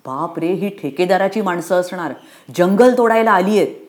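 A woman's voice: on the low side, normal speed, lightly acted. A woman voicing a worried, caring village mother in a storybook reading, speaking in an anxious way.

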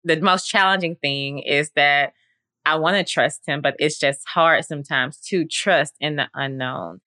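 A woman's voice: deep voice, fairly even intonation, a little slow, sharp tone, no room sound, clean studio sound. A woman hosting a faith podcast, talking earnestly and conversationally with lots of fillers. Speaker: podcast host.

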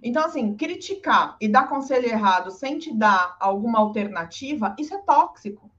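This woman's pitch is fairly high and she speaks at a normal speed. She's in a casual advice conversation, animated, frequently performing other people's lines, and the lo-fi recording sounds dull.

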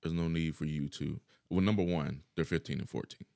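Very deep gravelly man, laid-back. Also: fairly even intonation, brisk, dark tone, dry recording, clean studio sound. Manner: laid-back, profane, laughs often. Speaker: podcast guest. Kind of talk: casual podcast chat.

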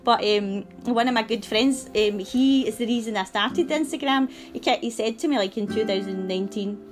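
A woman's voice: a little high, brisk. Chatty woman with faint music. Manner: animated, laughs often, many restarts. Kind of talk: casual chat.

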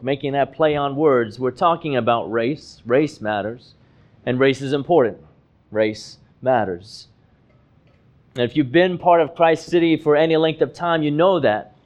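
A man in his thirties from Hong Kong, a pastor giving a measured, earnest, reflective sermon. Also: medium pitch. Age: 30s.

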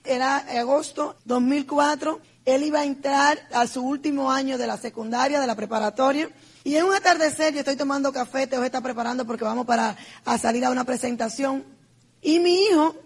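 A woman's voice: high voice, a little fast. A middle-aged woman from the Republic, telling a heartfelt personal testimony in an emphatic, repetitive storytelling manner. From Dominican Republic. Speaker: business speaker.

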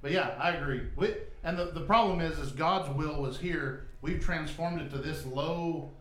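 A man's voice: on the high side, normal speed, fairly bright tone. A man co-hosting a casual faith discussion, working through his points thoughtfully with frequent restarts. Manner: thoughtful, restarts often, builds arguments. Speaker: co-host. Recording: echoey room with faint ambient noise.

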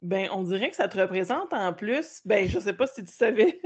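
A woman's voice: mid-range voice, expressive, moderate pace, breathy edge. A woman with a Québécois French accent hosting a casual podcast interview, affirming her guest and speaking to listeners. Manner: warmly affirming, addresses listeners. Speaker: podcast host.

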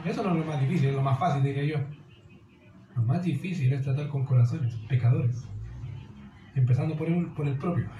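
Echoey, mellow-voiced male pastor preaching. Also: on the high side, a little hiss or hum. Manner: earnest preaching, addressing listeners as "querido". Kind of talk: sermon.

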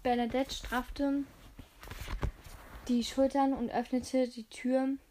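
Woman reading a novel, fairly high voice, often stumbles and restarts. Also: flat delivery, takes it slowly, warm tone, slight background noise. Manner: reading with frequent slips and restarts. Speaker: audiobook reader.

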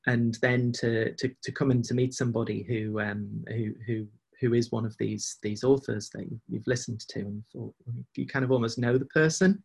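A man's voice: mid-range voice, fairly even intonation, moderate pace, vocal fry, hardly any pauses, a little mellow, slightly rough. A man in casual, reflective conversation as an interview guest, speaking hesitantly and often repeating phrases as he goes. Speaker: podcast guest, agile coach.

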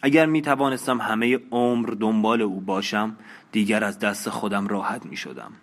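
A man reading a novel aloud as an audiobook, in slow, measured, even narration. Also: fairly low pitch. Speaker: audiobook reader.

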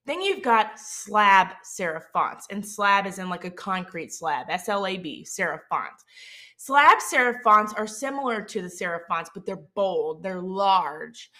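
A woman's voice: mid-range voice, lively intonation, a little slow, bright, forceful tone. A woman with a Southern Mississippi accent hosting an instructional podcast, explaining things informally and conversationally, often checking in with the listener. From Mississippi, United States. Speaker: host of a branding and marketing show.

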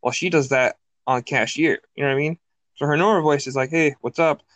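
A man's voice: a little high, fairly quick, a bit bright, dry recording. A man co-hosting a podcast, rambling through stories with lots of fillers. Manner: rambling, filler-heavy storytelling. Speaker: podcast co-host. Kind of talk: casual chat.

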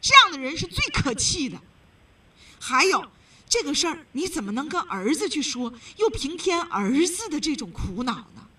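A woman's voice: sits high, sing-song, moderate pace, sharp tone, distant mic. A woman hosting a call-in advice radio show, blunt and emphatic, lecturing the caller.

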